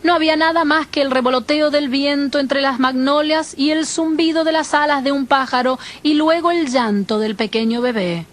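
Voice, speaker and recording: A woman preacher telling her first-person testimony in an expressive, dramatic storytelling manner. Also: high-pitched, moderate pace, hardly any pauses.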